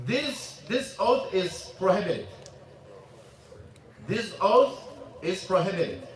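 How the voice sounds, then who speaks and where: An imam with a high, fairly bright male voice gives an informal religious lesson with questions in a mosque classroom. He speaks haltingly, repeating words and switching into Arabic, and the distant mic picks up an echoey room.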